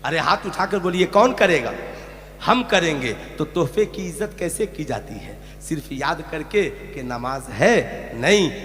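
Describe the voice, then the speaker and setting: A man preaching to a gathering, calling out questions to the crowd and swinging between loud shouted passages and quiet low ones. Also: very animated, measured pace. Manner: questions the crowd and urges them to answer. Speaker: Islamic preacher. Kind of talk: sermon with call-and-response. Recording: echoey hall, faint hum.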